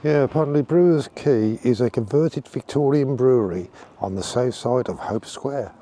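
A man giving a casual outdoor walking tour, relaxed and rambling with fillers. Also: medium pitch, normal speed, a little hiss or hum. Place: outdoors on town streets.

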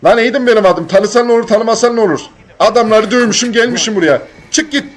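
Rowdy high-voiced young man gaming. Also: quick pace. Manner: rowdy, swearing, yelling at the game. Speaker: gaming channel host. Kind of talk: let's play commentary.

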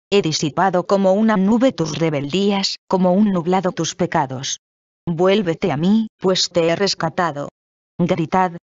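Someone reading the bible slow and solemn, dull dry recording, mid-pitched voice. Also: no echo. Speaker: scripture reader.

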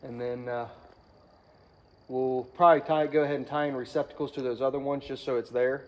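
A man's voice: mid-range voice, steady tone, fairly quick. A man in his thirties explaining his electrical work in a matter-of-fact way while he works inside a large pole barn. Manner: plain, practical, matter-of-fact. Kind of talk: casual explanation while working. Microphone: phone camera held nearby. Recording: noisy barn ambience.

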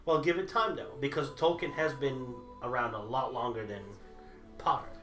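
In his thirties, a man whose first language is Italian, learned at home while growing up overseas, debates casually on the Harry Potter side. His mid-range voice moves at a moderate pace, animated and full of gestures and restarts, with faint music behind. The echoey space is a small indoor room filled with movie memorabilia.

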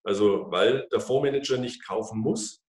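This financial advisor, a man in his fifties, has a lowish, slightly mellow voice and speaks at normal speed while presenting at an office whiteboard. His explanation is peppered with fillers and restarts, and the room echoes with the mic far away.

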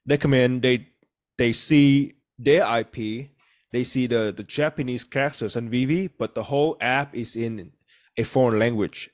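Speaking in a mid-range voice, this podcast host, a Vietnamese-native man in his thirties, runs a relaxed show over video call. He earnestly lays out his points, peppering them with frequent "you know"s.

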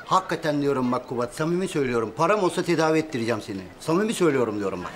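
Fast, brash, bossy brother-in-law played by a man. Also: fairly high pitch, animated, close to an everyday voice. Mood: sarcastic ribbing. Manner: brash, rattling questions and repetitions. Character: bossy, teasing brother-in-law shopkeeper, blustery and sarcastic. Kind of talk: TV comedy drama acting. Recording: noisy location ambience.

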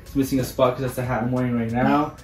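A male vlogger in his twenties gives a casual house tour of small bathrooms and bedrooms, weaving Spanish words into English. He talks quickly in a mid-range voice with a flat delivery, over faint music. The handheld camera or phone is held by another person several feet away, so the sound is echoey and distant.

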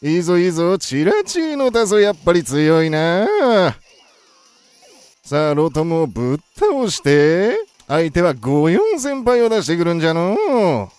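A game streamer calling competitive battle moves play by play, excitable and talking through each decision aloud in a playful old-man way of speaking. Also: mid-range voice, a little slow, clean tone, no echo.

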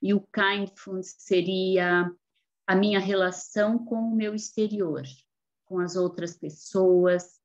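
A woman's voice: mid-range voice, steady tone, takes it slowly. Courteous woman asking a question, muffled. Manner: courteous, thoughtful, checks her understanding. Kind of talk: polite question in an online meeting. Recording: dull call audio.

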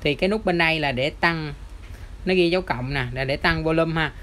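Southern Vietnamese accent, product demo tutorial, chatty step-by-step talk, mid-pitched voice, faint noise behind. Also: a little fast, a bit bright. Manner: chatty, step-by-step, constant pointing words. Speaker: audio shop presenter.

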